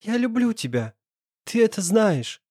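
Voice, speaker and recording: A man voicing a hysterical, heartbroken young woman who stammers and pleads in a shrill, tearful voice. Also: normal speed, darkish tone, no echo, clean studio sound, close to an everyday voice. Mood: hushed.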